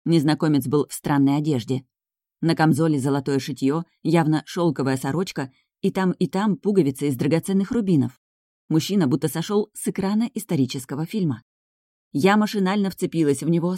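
A woman narrating a first-person audiobook with expressive character reading. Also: deep voice, fairly quick, no echo, studio quality.

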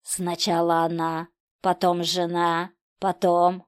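A woman's voice: on the low side, completely flat delivery, clean tone, no echo, clean studio sound. Woman putting on a hissing gleeful maniac. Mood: menacing. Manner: slow, taunting, hissing delivery. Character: hissing mocking hidden maniac, cruel and gleeful. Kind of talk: horror story reading.

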